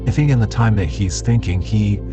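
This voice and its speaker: A man playing a tabletop game, describing his character's thoughts in a measured way. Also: lowish voice, highs cut off, music in the background. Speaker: player.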